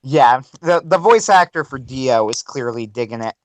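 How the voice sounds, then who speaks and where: A man co-hosting a casual livestream chat, giving quick, enthusiastic opinions. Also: mid-range voice, animated, dry recording. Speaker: podcast co-host.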